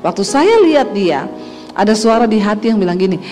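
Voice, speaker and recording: A middle-aged woman pastor preaches, spinning a personal story with playful humor. She tells it in a lively way, and soft music plays faintly behind her voice. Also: mid-range voice, brisk. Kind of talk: sermon.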